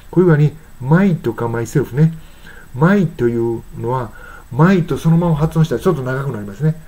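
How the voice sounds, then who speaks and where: Guy going over song lyrics, warm low-key voice, lots of ums, reads the english bits real slow. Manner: unhurried, halting with frequent fillers; reads English lines slowly and carefully. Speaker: English teacher.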